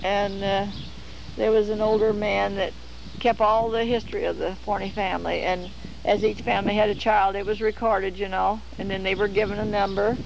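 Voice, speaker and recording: Gravelly old lady in her 90s from iowa, slow reminiscing, noisy background. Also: medium pitch, level tone. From Iowa, USA. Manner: unhurried, searching for words. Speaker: interviewee. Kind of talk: oral history reminiscing.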